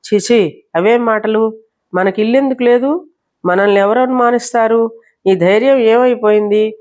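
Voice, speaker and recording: A woman's voice: a little high, moderate pace, a little mellow, natural voice. A woman storyteller voicing an anxious, devoted elderly male servant who talks in a worried, pleading, tender way. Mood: coaxing.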